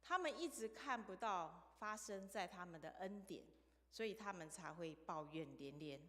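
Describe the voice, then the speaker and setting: A woman's voice: lowish voice, animated, moderate pace, fairly bright tone. A woman preaching a sermon in a church, telling stories and asking the congregation questions. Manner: storytelling, asks the congregation questions. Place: church sanctuary. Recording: long reverb of a church hall.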